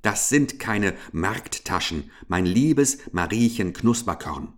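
A man's voice: fairly low pitch, expressive, takes it slowly. A man doing a stingy, grumbling fat hamster. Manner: grumbling, blustering, self-pitying.

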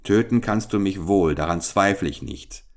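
A man voices a bold young male hero in an old storybook, firm and earnest. His voice is deep and steady. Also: moderate pace. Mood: fearless. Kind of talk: audiobook character reading.

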